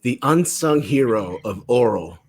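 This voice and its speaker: A man's voice: mid-range voice, animated, measured pace, a little mellow, breathy edge. A man with a Filipino English accent co-hosting a casual comedy podcast and telling jokey stories. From Philippines. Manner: jokey storyteller, laughs often. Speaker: podcast co-host.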